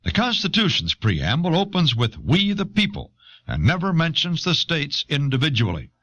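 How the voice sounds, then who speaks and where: A male narrator presents educational history audio in a bright, highly inflected voice with huge pitch swings. His delivery is measured, and the recording has a dull cassette quality.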